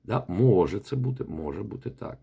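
Low husky guy rambling thru recitation feedback, voice goes up and down a lot. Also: animated, normal speed, dark tone. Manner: rambling, repeats words while demonstrating. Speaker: recitation coach. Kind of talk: spoken feedback voice message.

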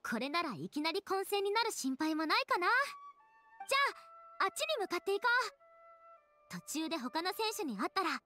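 An upbeat, gentle young anime game heroine. Her voice is very high and melodic in its swings, self-assured, with music underneath. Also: sing-song, fairly quick, full character voice. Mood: breezy, confident.

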